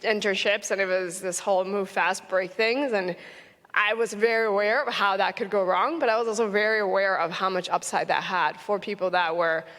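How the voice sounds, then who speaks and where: A young woman from Florida speaking on a conference stage at a medium pitch. She talks earnestly, pausing on "um" and restarting her sentences. Her voice carries a long reverb from a large hall. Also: fairly even intonation, fairly bright tone. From United States (Orlando, Florida). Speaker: panelist, venture investor. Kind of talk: conversational panel talk.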